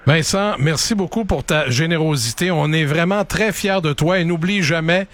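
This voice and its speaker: A man's voice: a little high, normal speed, fairly bright tone, no echo. A man with a Québécois accent co-hosting a sports show in conversational interview style.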